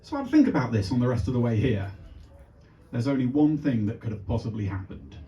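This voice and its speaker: Stand-up comic in an echoey club. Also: male voice, medium pitch, big pitch swings, a little fast, highs cut off, a little hiss or hum. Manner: chatty, teasing the crowd, shouted voices for the punchlines. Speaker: stand-up comedian. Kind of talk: stand-up comedy set. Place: comedy club stage before a live audience. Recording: echoey club recorded from a distance.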